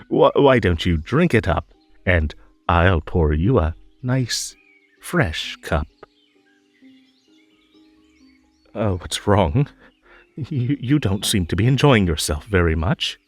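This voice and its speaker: Man voicing slow, theatrical, possessive Ether Bunny. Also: low voice, big pitch swings, dry recording, faint music behind, heavily acted. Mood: fussing, insistent. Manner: theatrical, coaxing, stammering, nervous giggling. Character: the Ether Bunny, possessive, whimsical, lonely male magical rabbit host. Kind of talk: roleplay audio drama monologue.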